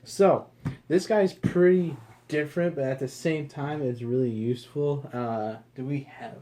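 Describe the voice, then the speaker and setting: A man's voice: mid-range voice, unhurried, dark tone. A man giving a casual, rambling product review, swearing now and then.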